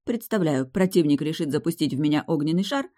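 Low, mellow-voiced woman narrating. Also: fast. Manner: steady, wry storytelling. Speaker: audiobook narrator. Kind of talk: first-person fantasy novel reading.

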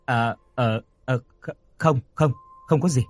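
A man voicing a gruff, secretive older village man who talks bluntly. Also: mid-range voice, animated, a little fast, dry recording. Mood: stammering. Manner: blunt, questioning, stammers when shaken.

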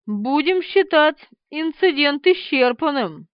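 A woman voicing a dim-witted, dazed young man who drawls slowly in an audiobook. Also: on the high side, sing-song, no echo. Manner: slow, dull, drawling. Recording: dry, slightly dull studio recording.

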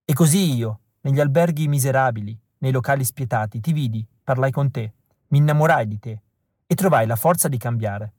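A man's voice: medium pitch, fairly quick, darkish tone, dry recording, clean studio sound, lightly acted. A man reading as a wistful rebel woman. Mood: tender. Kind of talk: audiobook reading.

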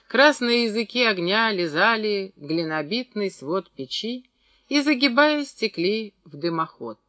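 Male audiobook reader, high and bright, dry close sound, measured literary reading. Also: no room sound. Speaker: audiobook narrator. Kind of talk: scripted narration.

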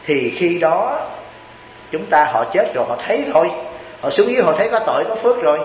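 A man's voice: a little high, echoey room, big-room sound, a little hiss or hum, low-quality recording. A Buddhist monk from Vietnam gives a chatty, joking sermon, teasing his listeners and asking them rhetorical questions.

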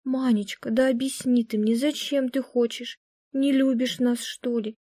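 A woman reading aloud puts on a bewildered middle-aged mother who pleads plaintively, close to tears. Her voice rises well above the reader's own and stays mellow. The sound is dry and close. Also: fairly high pitch, steady tone, measured pace, dry recording, pitched above the performer's own voice. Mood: pleading. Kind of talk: audiobook reading.

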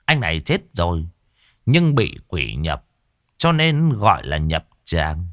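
A stern, quick-tempered old exorcist, acted by a man narrator, loud and commanding. His pitch swings widely, and the recording is dry and close. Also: wildly swooping pitch, no echo, exaggerated voice. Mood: explaining. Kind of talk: audio ghost story narration.

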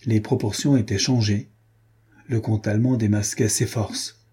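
Deep, very husky male narrator. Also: steady tone, normal speed, dark tone. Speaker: audiobook narrator. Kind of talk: scripted novel narration.

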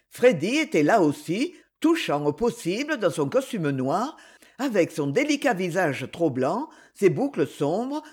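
A woman narrating a classic French novel as an audiobook, with an expressive reading. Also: on the low side, breathy edge.

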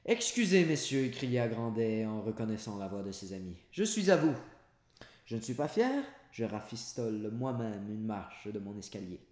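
A gruff old miser, master of his house, barking and teasing in a raised voice, as a man reads him. The voice sits low at heart but jumps up loud. The room rings with echo. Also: level tone, normal speed, hardly any pauses, natural voice. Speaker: former cooper. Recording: roomy echoey home recording.

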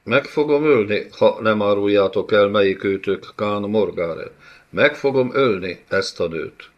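A man voicing a cruel, impatient male bey who shouts threats during an interrogation, in an audiobook with a slightly dull recording. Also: lowish voice, natural voice. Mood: menacing, shouting.

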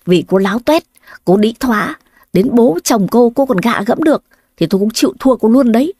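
A woman reading the lines of a cold, scornful young husband in a spoken story, in a warm, fairly high voice. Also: lively intonation, moderate pace, no room sound. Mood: contemptuous. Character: callous drunk young husband, contemptuous.

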